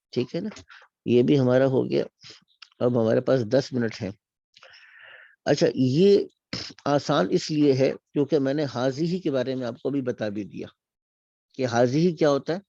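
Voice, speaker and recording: A man with a Pakistani Urdu accent, teaching an online Arabic class. He reads Arabic phrases slowly and drawn out, then explains them briskly. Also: mid-range voice, gravelly, warm tone, no room sound. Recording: dull, dry lo-fi sound.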